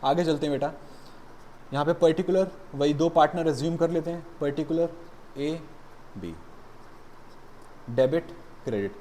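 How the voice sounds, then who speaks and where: A man's voice: fairly high pitch, normal speed, long pauses, mellow, a little hiss or hum. A man teaching an accountancy lesson, calling his students "beta" and mixing explanation with blunt motivational scolding. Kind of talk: classroom lecture.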